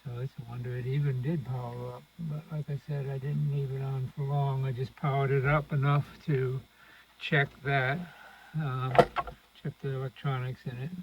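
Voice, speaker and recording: With a mid-range voice, a level tone and a moderate pace, a man casually narrates a hands-on repair without a script, murmuring through every step. He hosts a radio restoration channel, and the sound is dull and lo-fi, full of loud noise and clicks.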